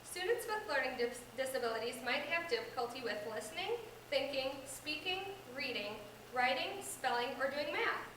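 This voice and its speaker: A young American woman in amateur reader's theater plays a patient, supportive reading teacher, delivering her scripted lines in an instructive way. Her high voice is animated, at a normal speed with few pauses. Recorded with a distant mic in an echoey indoor room, the clip carries background hiss.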